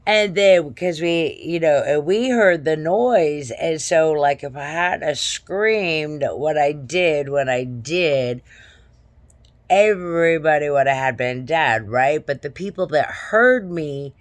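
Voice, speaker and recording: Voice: medium pitch, takes it slowly, no room sound. A vlogger casually retelling a dream in a rambling, repetitive way, often checking in with "okay?" and "right?".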